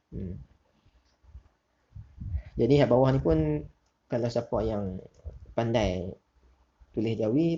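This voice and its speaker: A male teacher, giving a recorded lesson to pupils and reading out questions slowly and deliberately between relaxed asides. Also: mid-range voice, a little hiss or hum. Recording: dull lo-fi recording.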